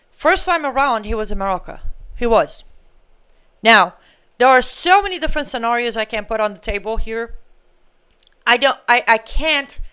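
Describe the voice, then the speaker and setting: A woman's voice: medium pitch, a bit bright, clear, resonant tone. Emphatic woman hosting political commentary. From Iran. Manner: emphatic, argumentative, with sarcastic asides. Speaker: political commentary show host. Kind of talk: live-stream political commentary.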